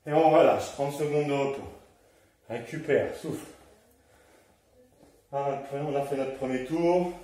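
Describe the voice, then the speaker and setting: A man's voice: medium pitch, measured pace, long pauses, warm tone. A man teaching a home workout, coaching and encouraging, slightly out of breath as he exercises along. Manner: encouraging, counts down and coaches moves while exercising. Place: room at home. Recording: very echoey room, mic far off.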